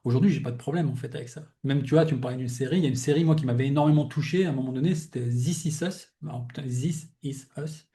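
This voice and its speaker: A man's voice: mid-range voice, very fast, few pauses, warm tone. A young adult man hosting a podcast, talking in a casual, reflective way as he shares personal thoughts with a guest, rambling and often restarting his sentences. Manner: reflective, rambling, fills with "tu vois". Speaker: podcast host interviewing a guest. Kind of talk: casual heartfelt conversation.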